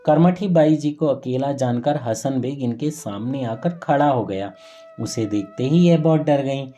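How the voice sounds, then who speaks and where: A man tells a saint's story in an earnest, reverent devotional voice, sometimes catching and correcting a word mid-phrase. His tone is deeply mellow and dark, with pitch in an ordinary middle range. Quiet music plays faintly underneath. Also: measured pace. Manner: earnest, reverent retelling with occasional self-corrections.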